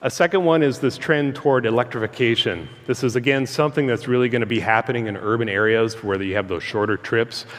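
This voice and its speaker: Man presenting through loudspeakers in reverberant hall. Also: mid-range voice. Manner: halting, conversational delivery. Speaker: guest speaker, transportation engineer. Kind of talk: informal public presentation. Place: large room, speaking through a PA system.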